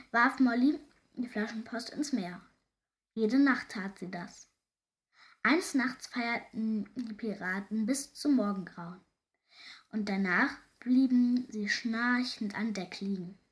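A woman reading a children's storybook aloud in a lively way, with the odd slip and restart. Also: medium pitch. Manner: lively reading with small slips.

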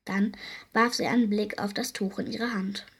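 A woman reading a children's story aloud in a lively, expressive way, with a breathy voice. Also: mid-range voice, moderate pace.

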